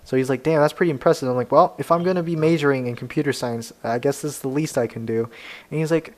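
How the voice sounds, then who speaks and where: A young man co-hosting a casual podcast chat, telling an animated story in which he plays out both sides of a conversation, laughing often and restarting his words. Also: mid-range voice, quick pace. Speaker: podcast co-host.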